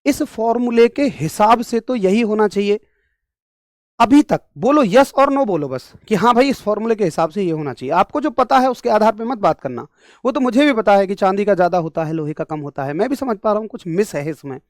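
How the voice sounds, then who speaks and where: A man's voice: sits high, lively intonation, fast, dry recording, clean studio sound. A young man teaching a physics class online, emphatic and direct, repeating key points to his students. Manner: emphatic, scolding then explaining step by step.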